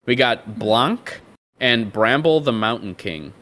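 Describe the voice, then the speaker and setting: A man hosts a relaxed podcast chat in an upbeat, teasing way. His voice sits at an ordinary middle pitch. He moves briskly from one topic to the next. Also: a little hiss or hum. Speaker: podcast host. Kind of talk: casual panel chat.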